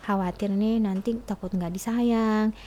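A woman's voice: mid-range voice, fairly even intonation, a little slow, warm tone, slight background noise. A middle-aged woman talking candidly as a guest, chatty and often laughing mid-sentence as she tells a personal story.

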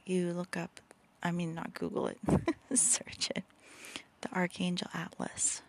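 A woman's voice: fairly low pitch, measured pace, gravelly. A woman in her thirties whispering a podcast at home late at night, yawning often as babies sleep beside her. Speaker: podcast host and author.

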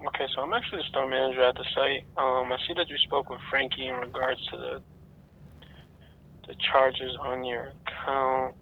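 A man's voice: medium pitch, flat delivery, moderate pace, gravelly. A man working as a manager, handling a customer service call and repeating himself, over a muffled phone line. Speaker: storage facility manager taking a call.

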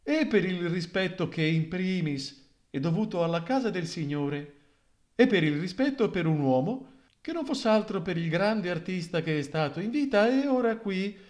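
A man's voice: high voice, expressive, moderate pace, darkish tone, pitched above the performer's own voice. A man voicing a flustered priest pleading with his congregation in a preachy tone. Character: Don Giacomo, flustered pleading old priest.

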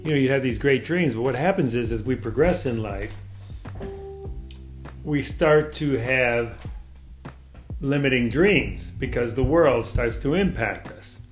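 An enthusiastic male host speaks straight to his audience in an encouraging, motivational way. His voice sits at an ordinary middle pitch. Faint music plays in the background. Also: expressive, measured pace, pauses often. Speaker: podcast host. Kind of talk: motivational interview intro.

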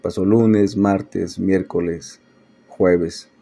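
Low-voiced man sharing a testimony. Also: steady tone, extremely slow, vocal fry. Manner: conversational, many fillers and restarts, acts out past shouting. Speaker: preacher. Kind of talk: personal testimony talk.

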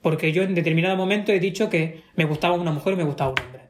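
A man's voice: a little high, rapid-fire. A man with a Spanish accent talking in a casual conversation, emphatic and given to repeating himself for stress. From Spain.

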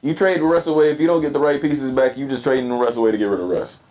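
A man co-hosting a casual podcast chat, joking and swearing as he riffs on sports and news. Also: medium pitch. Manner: animated, joking, profane, quick.

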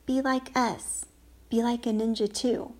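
A woman's voice: fairly high pitch, steady tone, measured pace. A woman voicing an eager, brave young girl in a storybook reading, coaxing and urgent.

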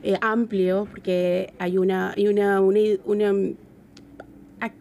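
A woman with a Caribbean Spanish accent from Venezuela speaks as an interview guest. Her voice has a lot of fry and sits at a middling pitch. She is reflective and conversational, pausing often as she searches for the right word. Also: flat delivery, darkish tone, slight background noise. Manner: halting, searching for words.

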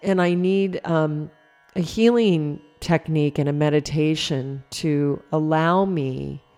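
A woman with an early-morning voice leading a spiritual talk before a guided meditation, meandering and reflective, pausing often with fillers. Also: low-pitched, dark tone, faint music behind.

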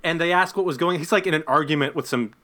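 A young man co-hosting a podcast, chatting casually about a movie with wry, dry humor and halting restarts. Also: fairly high pitch, sharp tone. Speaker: podcast co-host. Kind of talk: casual movie review chat.

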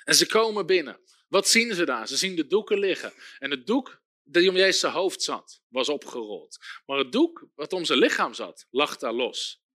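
A man preaching a sermon in an emphatic, repetitive style, often calling for amens and sometimes shouting. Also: a little high, lively intonation, normal speed. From Netherlands.

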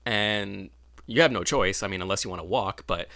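Man, casual rambling monologue, low-pitched, bright forceful tone, wry asides. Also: normal speed, creaky. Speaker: vlogger.

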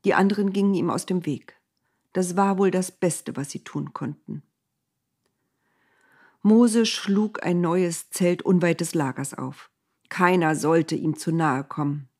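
A woman narrating a Bible story in a calm, measured way. Her voice is husky and somewhat low, and she reads very slowly.

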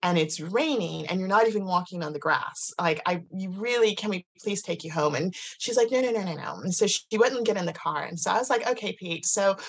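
A woman with a fairly low, gravelly voice and a husky, breathy edge tells a personal story in a relaxed, chatty way. She talks with lots of "like" fillers and restarts, and slips into the voices of the people she quotes. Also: a little fast, hardly any pauses. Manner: animated, many "like"s and restarts, acts out quotes. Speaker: guest. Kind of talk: casual storytelling in conversation.

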